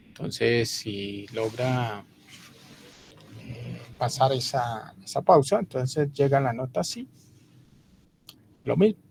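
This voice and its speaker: A man delivers a lecture at an unhurried pace, stopping often between phrases. His voice has a gravelly edge, and there is a faint hiss of noise in the recording. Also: medium pitch, a little mellow. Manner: measured, pausing, with frequent fillers. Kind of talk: slow spoken lecture.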